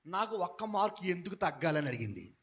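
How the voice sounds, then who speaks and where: A male pastor preaching a sermon, asking the congregation questions and swinging from quiet talk to shouted passages. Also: high-pitched, big pitch swings, fairly quick. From India.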